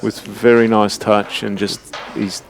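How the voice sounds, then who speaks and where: Low-voiced man commentating snooker. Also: little pitch movement, a little slow, a little hiss or hum. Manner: easygoing, prompting his co-commentator. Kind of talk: live sports commentary.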